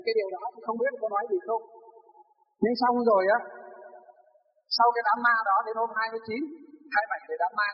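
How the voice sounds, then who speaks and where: A man with a Northern Vietnamese accent, a Buddhist monk telling a rambling, anecdotal story in a conversational sermon. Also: high voice. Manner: rambling, anecdotal, tags phrases with "đấy". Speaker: Buddhist monk giving a dharma talk. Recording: tinny phone-like audio, long hall reverb, faint music.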